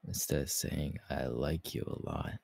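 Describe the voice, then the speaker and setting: Very deep, gravelly Hawks, romantic ASMR man acting. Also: fairly even intonation, a little mellow, no room sound, exaggerated voice. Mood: tender, confessing. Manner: intimate, halting, breathy laughs and sighs. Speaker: voice actor, ASMR artist. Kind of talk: romantic ASMR audio roleplay.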